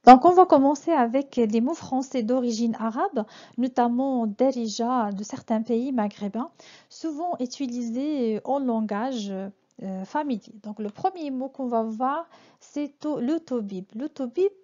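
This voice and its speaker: A woman from Morocco teaching a French lesson in a soft, mellow voice that sits a little high. She explains each word with hesitant pauses and fillers. The sound is dull and lo-fi. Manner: hesitant, many fillers and restarts.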